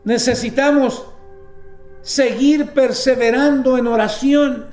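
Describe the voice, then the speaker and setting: Man preaching slow, lots of exclaiming, sounds like a roomy echoey hall. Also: extremely high pitch, a little mellow. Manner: emphatic, exclaims often, reads scripture aloud. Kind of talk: sermon.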